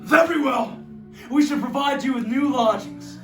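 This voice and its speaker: A man's voice: extremely high pitch, normal speed, soft background music. A man playing a pompous, cruel judge who speaks in a haughty, commanding way and bursts into anger. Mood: stern. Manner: haughty and commanding, with angry outbursts. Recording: echoey room, distant mic.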